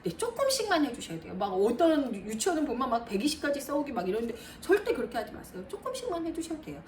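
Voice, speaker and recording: A woman math tutor giving a lively lesson to parents, counting aloud and talking straight to mothers. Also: fairly high pitch, distant mic. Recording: roomy, a bit off-mic, faint noise.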